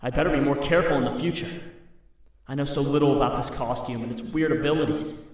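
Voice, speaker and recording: A man's voice: mid-range voice, fast talker, lightly acted. A man playing an anxious, self-doubting young male superhero in a comic dub, earnest and brooding. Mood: pensive, uneasy. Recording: very echoey room, distant from mic.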